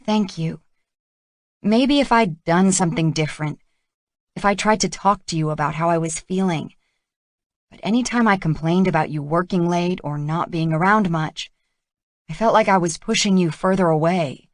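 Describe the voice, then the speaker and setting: A woman's voice: fairly low pitch, moderate pace, dry recording, clean studio sound, close to an everyday voice. A woman reading hurt young woman Callie. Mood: wistful.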